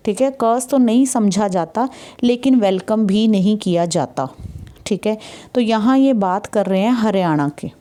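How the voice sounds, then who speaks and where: A woman's voice: medium pitch, mellow. A woman with an Indian accent teaching an English textbook chapter, patiently explaining and often checking that students follow. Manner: patient, repeats "ठीक है" to check understanding; reads English passages slowly and deliberately.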